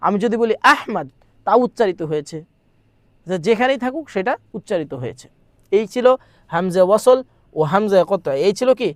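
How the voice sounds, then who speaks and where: A man's voice: high-pitched, lively intonation, moderate pace, long pauses, no room sound. A man teaching an exam-prep grammar lesson. He reads lines aloud, translates them, repeats them, and keeps asking rhetorical questions. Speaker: madrasa exam tutor.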